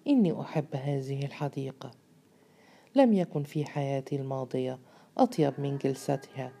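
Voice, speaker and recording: A woman's voice: very deep voice, gravelly, mellow, heavily acted. A woman voicing an earnest young lover. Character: young man in love, earnest and brooding.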